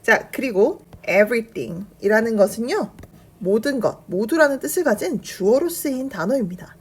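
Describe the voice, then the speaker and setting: A woman teaching a beginner English lesson, explaining grammar step by step and repeating English phrases slowly and carefully. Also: a little high, expressive, husky.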